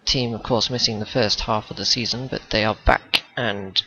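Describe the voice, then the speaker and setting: A man giving live racing commentary over voice chat. His voice comes through robotic and metallic as the connection breaks up, and he talks in a brisk, analytical way, correcting himself as he goes. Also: on the low side, fairly even intonation. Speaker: race commentator. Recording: lo-fi voice chat with loud noise.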